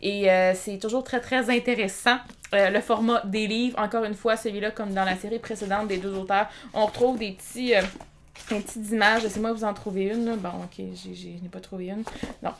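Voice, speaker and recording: A woman's voice: medium pitch, fairly even intonation, a little fast, slight background noise. A young woman with a Québécois French accent, chatting casually to camera about books she bought, with many fillers. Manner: chatty, rambling, frequent "euh" fillers. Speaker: book vlogger. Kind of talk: casual book haul vlog.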